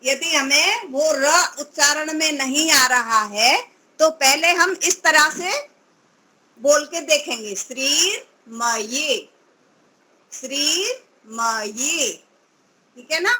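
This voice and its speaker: A woman's voice: high voice, slow pace, bright, forceful tone, rough recording. A woman teaching Sanskrit pronunciation, drawing out syllables and patiently correcting her student. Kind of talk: pronunciation lesson.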